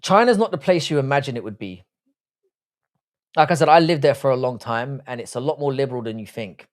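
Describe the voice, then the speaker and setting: A British man in his early forties hosts a casual livestream, reading and answering live comments. His mid-range voice moves fairly quickly with lively intonation, and his humor is blunt, crude, and full of slang.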